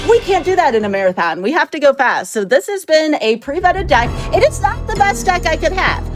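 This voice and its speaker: A woman's voice: high-pitched, sing-song, a little fast. A woman giving chatty, upbeat live commentary on her own speedrun, laughing often. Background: game music.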